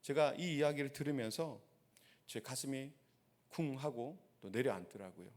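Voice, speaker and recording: Male pastor, sermon, mid-pitched voice, storytelling, rhetorical questions to the congregation. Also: moderate pace, a little mellow. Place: church sanctuary.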